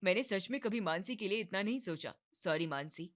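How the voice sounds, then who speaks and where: A woman voices a young husband in a cartoon family drama, speaking lightly acted lines with lively intonation at a fairly quick clip. She drops to a soft, lower, placating tone as the character soothes and evades his wife and mother.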